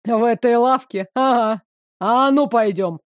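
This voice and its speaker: A woman voicing a gruff, mocking male city guard who talks slowly and tauntingly. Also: on the high side, dry recording, studio quality, close to an everyday voice. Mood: menacing. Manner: sneering, slow and taunting.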